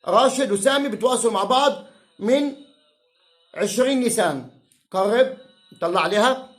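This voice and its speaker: A man with a Palestinian Arabic accent rants to camera in a fierce, insulting, mocking way. His voice sits high for a man. It rings around an echoey room. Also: moderate pace, soft background music. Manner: heated, insulting and profane, mocking. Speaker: self-styled political commentator. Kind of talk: angry rant to camera.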